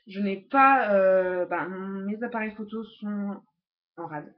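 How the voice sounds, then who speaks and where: A woman's voice: medium pitch, slow pace. Chatty woman on a lo-fi webcam. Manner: hesitant, many fillers and restarts, chatty. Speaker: beauty vlogger. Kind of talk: casual makeup haul review. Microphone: laptop webcam. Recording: lo-fi laptop webcam audio.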